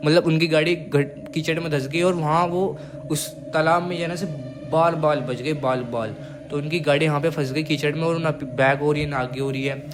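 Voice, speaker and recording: A young man casually telling a horror story, repeating phrases for suspense and dropping his voice to a hush. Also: on the high side.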